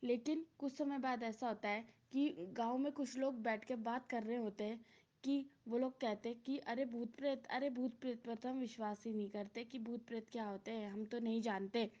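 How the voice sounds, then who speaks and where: A woman's voice: on the high side, fairly even intonation, moderate pace, mellow. A woman telling a story casually, in an informal and repetitive way with many fillers, on a dull lo-fi recording.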